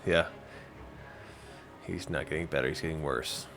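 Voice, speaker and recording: A man playing a tabletop game, talking through his character's actions and breaking into shouted in-character lines. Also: very deep voice, normal speed, creaky, soft background music. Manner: animated, bursts into shouted in-character yelling. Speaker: player.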